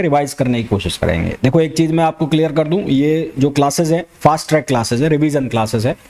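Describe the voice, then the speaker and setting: A physics educator with an Indian accent rushes through a revision lecture, repeating key terms back as questions. His voice is a little high and a little mellow.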